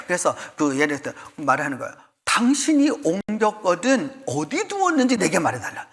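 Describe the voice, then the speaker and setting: A pastor preaches in a lively, high voice that leaps up and down as he keeps quizzing his congregation. The sound carries a long reverb from the church sanctuary. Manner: animated, questions the congregation constantly. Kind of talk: sermon.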